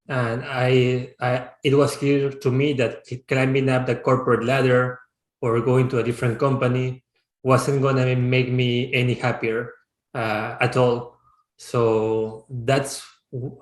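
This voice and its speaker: A thoughtful man in his thirties from Peru talks through his answers in a relaxed interview. He sits at a middle pitch, often stops to rephrase, and the room gives his voice a noticeable echo. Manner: reflective, searching for words with frequent restarts. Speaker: startup founder and CEO. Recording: roomy, echoey sound.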